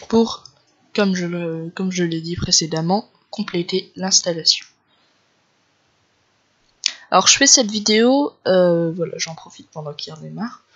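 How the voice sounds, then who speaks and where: A man's voice: sits high, a bit bright. A man with a Northern French ch'ti accent, talking casually and loosely step by step through a computer tutorial. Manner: informal, loose step-by-step explaining. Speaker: tech tutorial creator. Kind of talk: casual screen-recorded tutorial narration. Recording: dull lo-fi home recording.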